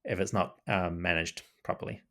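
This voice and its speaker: A deep-voiced man from New Zealand, an Egyptology podcaster appearing as a podcast guest, talks casually over a remote call. His voice is gravelly with a sharp tone, fairly even intonation, and a moderate pace. He's thoughtful, often restarts, and says "you know" a lot.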